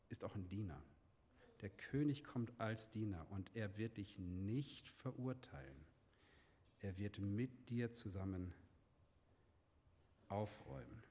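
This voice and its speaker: A man giving a sermon, asking his listeners questions and dropping to a soft, hushed voice when he speaks God's words. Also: lowish voice, breathy edge, big-room sound. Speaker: preacher.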